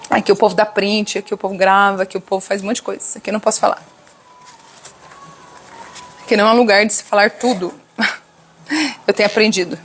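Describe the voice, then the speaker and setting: Animated Brazilian woman preaching to women. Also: fairly high pitch. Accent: Brazilian Portuguese. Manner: animated, addresses viewers directly, acts out quoted voices. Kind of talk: live-stream preaching to women.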